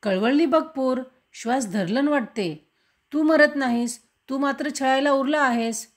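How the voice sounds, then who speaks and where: A woman voicing a harried village mother who scolds her son in a sharp, raised voice. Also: sits high, a little slow, pitched above the performer's own voice. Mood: angry scolding.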